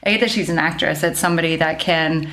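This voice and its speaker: Woman guest on a podcast, kinda low voice, rambly, says like a lot. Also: quick pace, fairly bright tone. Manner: rambling, heavy use of "like", laughs often. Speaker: nurse practitioner and midwife guest. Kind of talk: casual podcast chat.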